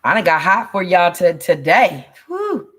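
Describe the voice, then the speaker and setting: A woman hosting a casual livestream, chatty and excitable, hyping up her viewers and greeting them by name. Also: fairly low pitch, normal speed, slightly rough. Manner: excitable, hype-building, chatty. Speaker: livestream host selling wellness coffee.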